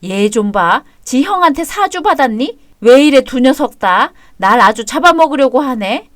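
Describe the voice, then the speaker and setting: A woman voicing an older, self-pitying mother-in-law who loudly wails and protests in a radio drama. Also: mid-range voice, expressive, brisk, no echo, studio quality, close to an everyday voice. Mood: indignant. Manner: wailing, loud, exclamatory complaints. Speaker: voice actor. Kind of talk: Korean web radio drama acting.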